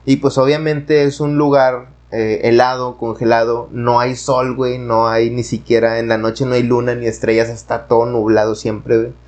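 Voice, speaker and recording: A man's voice: medium pitch, little pitch movement, normal speed, hardly any pauses, darkish tone. A man with a Mexican Spanish accent casually telling a story in a rambling, slang-heavy way full of fillers.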